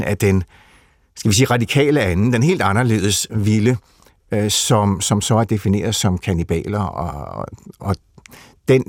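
A man with a lowish voice talks through a literary subject, thinking as he goes. He hesitates often, with fillers and restarts. The sound is dry and close. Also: a little mellow, no echo. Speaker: literature expert guest. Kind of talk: conversational explanation.

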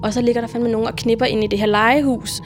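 Brief: woman, higher voice, radio storyteller, animated and profane, music bed. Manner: lively, swears, acts out her own shouts. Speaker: storyteller recounting a hitchhiking trip. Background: music under the voice.

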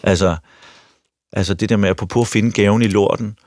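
A man's voice: fairly low pitch, steady tone, a little mellow. A middle-aged actor and talk show host tells a personal story frankly and openly, often stopping to restart his sentences. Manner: frank, self-revealing, with repeated restarts.

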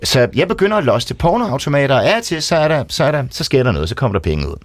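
Animated Danish man telling a story. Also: medium pitch, slight background noise. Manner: lively storyteller, acts out shouting people. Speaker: guest storyteller. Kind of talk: casual chat, telling a personal story. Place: radio studio.

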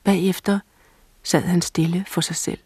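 A woman reading a war novel excerpt aloud in a grave, measured documentary tone. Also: fairly low pitch, steady tone, dark tone, slightly rough, dry recording, studio quality. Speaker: reader of a book excerpt.

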